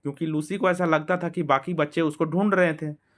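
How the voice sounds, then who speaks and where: Brief: male Hindi tutor, reading lines slowly and glossing each one for kids. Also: fairly even intonation, fairly bright tone. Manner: reads English lines slowly, then explains in Hindi; acts out the characters' lines with a raised pitch. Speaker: teacher. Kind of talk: explaining a story line by line.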